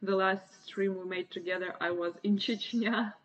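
A young woman with a Russian accent hosts a livestream in a casual, chatty way. Her voice has a medium pitch. The recording is slightly dull and lo-fi, as from a webcam in a room. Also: steady tone, normal speed. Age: 20s. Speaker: livestream host. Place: small indoor room. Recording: muffled lo-fi webcam stream audio.

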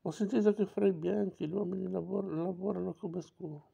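A man's voice: high-pitched, fairly even intonation, a little fast, creaky, warm tone, slightly rough, highs cut off, heavily acted. A man voicing a plain-spoken young man raised among a native tribe, earnest and simple in speech.

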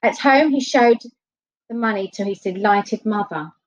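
Brief: woman storyteller, mid pitch, expressive bedtime reading, lo-fi muffled sound. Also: normal speed. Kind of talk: reading a children's story aloud. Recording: dull lo-fi recording.

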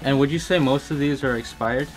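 A man's voice: medium pitch, a little fast. A young man hosting a challenge video, chatting casually with friends. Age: young adult. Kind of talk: casual chat among friends. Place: small room and kitchen indoors. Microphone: camera at a distance. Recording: roomy echo, distant camera mic, music behind.

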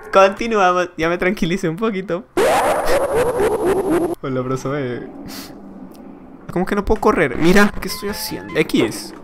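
Jittery Mexican man streaming a horror game. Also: a little high. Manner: jittery, excitable, swears a lot, talks to chat. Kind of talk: live gameplay commentary.

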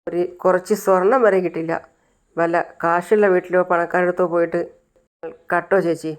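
A woman's voice: fairly low pitch, fairly even intonation, brisk, lightly acted. A woman voicing a frightened young woman left home alone, panicking and pleading.

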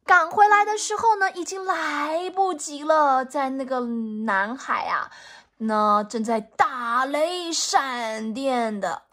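A mother reading a picture book aloud to her child, animated and teacherly, often asking questions. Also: high voice, slow.

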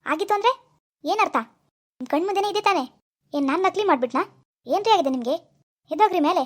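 A woman's voice: extremely high pitch, animated, fast. A woman voicing an impatient scolding pawnbroker. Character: irritable male pawnbroker, bossy and scornful. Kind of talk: animated cartoon dialogue.

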